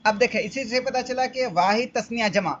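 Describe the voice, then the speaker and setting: A man teaching Arabic through an exam paper, explaining step by step and repeating each question. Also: very high voice. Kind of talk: exam-paper walkthrough lesson. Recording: dull lo-fi audio, faint background noise.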